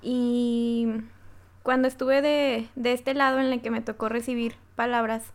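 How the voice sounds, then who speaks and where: A woman talking casually and thoughtfully, pausing with fillers. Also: a little high, little pitch movement. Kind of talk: casual conversation.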